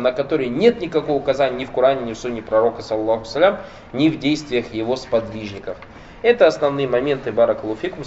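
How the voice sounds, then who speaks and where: A man's voice: mid-range voice, a little mellow. A man giving a religious lecture, explaining point by point and asking his listeners rhetorical questions. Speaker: Islamic lecturer. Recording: dull lo-fi lecture recording with faint noise.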